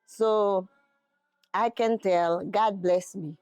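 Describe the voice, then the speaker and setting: A woman's voice: medium pitch, fairly even intonation, very slow, darkish tone, dry recording, faint music behind. A middle-aged woman from Haiti with a Haitian accent, English not her first language, answering interview questions hesitantly while searching for words. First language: Haitian Creole and French. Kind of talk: casual interview.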